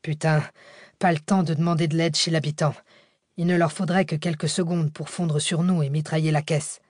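A hunted man at the wheel in a thriller audiobook, terse and clipped, as a woman reader voices him. Her voice sits low and the recording is dry. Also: little pitch movement, moderate pace, darkish tone, no room sound. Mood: panicked. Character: tense male driver fleeing killers.

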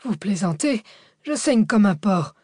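A woman's voice: mid-range voice, sing-song, unhurried, a little mellow, husky, no room sound, studio quality. A woman reading an audiobook, voicing a wounded, self-pitying older male professor. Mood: aggrieved.

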